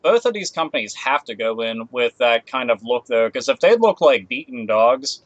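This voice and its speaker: A man on a casual podcast, calmly offering level-headed counterpoints. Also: medium pitch, normal speed, no room sound, muffled recording.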